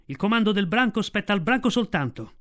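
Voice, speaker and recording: A man voicing a bold, defiant boy raised by wolves, shouting indignantly in a storybook reading. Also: high voice, lively intonation, a little fast, voice pushed up.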